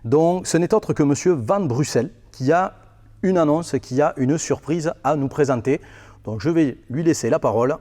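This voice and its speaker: A man's voice: on the high side, moderate pace, dark tone. A man presenting a mock broadcast in a polished, anchor-style delivery. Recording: faint music behind.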